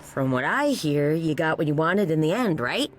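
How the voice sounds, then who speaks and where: Breezy low-voiced mythic guide. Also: female voice, big pitch swings, moderate pace, slight background noise. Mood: matter-of-fact. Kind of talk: casual video game acting.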